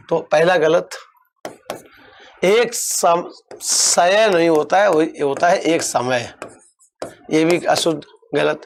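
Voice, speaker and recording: A young man teaching an online exam-prep class, coaxing his students and repeating words slowly. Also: high-pitched.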